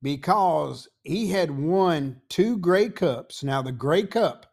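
A man in his sixties or older with a Tennessee accent, a podcast host telling a rambling, folksy story full of pauses and asides. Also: fairly high pitch, animated, creaky, darkish tone. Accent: Southern US, Tennessee. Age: 60s or older. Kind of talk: casual storytelling.

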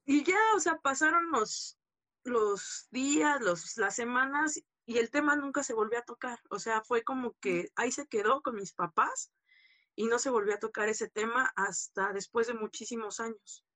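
A woman's voice: on the high side, moderate pace, bright, forceful tone, dry recording. A woman, a guest recounting a personal story in candid, filler-heavy talk. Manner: candid, full of fillers and tag questions. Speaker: interview guest.

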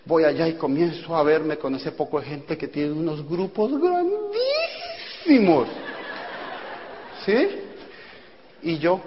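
High-voiced man speaking in a hall. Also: a little hiss or hum. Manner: animated, acts out dialogues, sudden loud bursts. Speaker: motivational speaker at a business event. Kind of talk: motivational storytelling talk. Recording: echoey hall, dull lo-fi sound.

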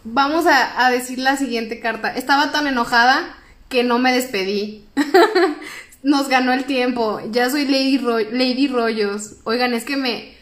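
Animated Mexican woman telling a story. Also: fairly high pitch. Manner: animated, acts out quoted voices, laughs often. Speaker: podcast co-host. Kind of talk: casual storytelling chat.

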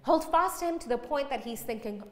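A woman in her thirties gives a sermon in a lively, self-mocking way, acting out small scenes as she goes. Her voice sits a little high. The sound rings with the long reverb of a church hall. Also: brisk. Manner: animated, self-mocking, acts out quotes. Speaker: preacher.

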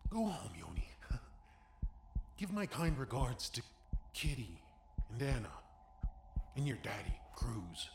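Cruel, slow-talking stranger who whispers and mocks; echoey room, audible noise. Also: male voice, medium pitch, wildly swooping pitch, exaggerated voice. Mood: sly. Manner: sly, mocking, drops to whispers, laughs to himself. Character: menacing adult male stranger, taunting and cruel. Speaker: villain. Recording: roomy echo with clear background noise.

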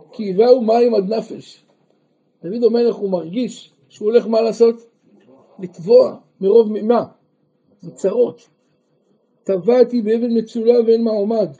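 A rabbi teaches a group a Torah lesson, often posing questions and answering them himself, and breaking at times into emphatic, raised outbursts. His voice is high, mellow, and husky, captured on a dull lo-fi recording.

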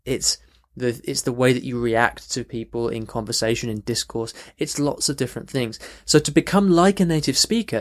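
A man's voice: medium pitch, fairly bright tone. A man hosting a podcast lesson, explaining things in a loose, conversational way with frequent restarts and "okay" check-ins. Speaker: language teacher, podcast host. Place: in London.

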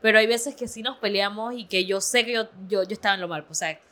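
A woman in casual conversation with friends, chatting and telling stories about family squabbles. Her voice sits in an ordinary middle range, relaxed and conversational, quick to jump back into her story. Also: mid-range voice. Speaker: podcast host. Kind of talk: casual chat among friends.

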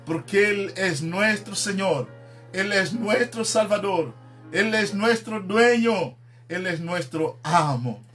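A man's voice: sits high, a bit bright. A man preaching a sermon, emphatic and dropping in frequent amens. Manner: emphatic, peppers speech with "amén".

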